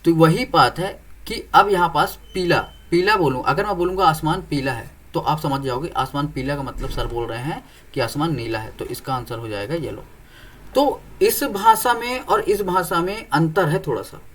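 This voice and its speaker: A man's voice: a little high, lively intonation, normal speed, fairly bright tone. A young man teaching an exam-prep reasoning lesson, explaining step by step and often asking whether students follow. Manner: explains step by step, keeps checking "clear?".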